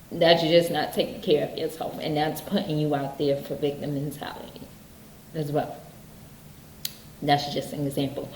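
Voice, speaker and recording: A woman's voice: lowish voice, roomy sound, a little hiss or hum, rough recording. A woman giving casual motivational self-help advice, earnest, often checking in with "okay?". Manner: earnest, repeats points with "okay?".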